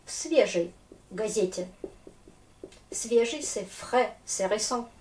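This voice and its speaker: A woman teaching a language lesson at a slow, deliberate pace, regularly stopping to ask whether everyone is following. She is a native Russian speaker and sits well back from the mic. The room has a noticeable echo and a faint hiss in the background. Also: mid-range voice, animated, a little mellow. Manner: patient, checks understanding often. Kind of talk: classroom lesson. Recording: echoey room, distant mic, faint noise.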